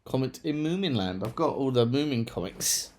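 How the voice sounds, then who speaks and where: A man's voice: mid-range voice, expressive, normal speed, darkish tone. A man chatting casually through a monthly book review, rambling with self-deprecating asides. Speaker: book vlogger.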